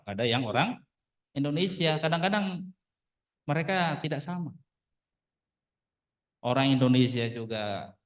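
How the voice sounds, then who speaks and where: A man's voice: mid-range voice, recorded from a distance. A man in his thirties, a religious teacher, giving a casual lesson and peppering his listeners with rhetorical questions. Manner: addresses the audience as brothers. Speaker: Arabic teacher, ustadz.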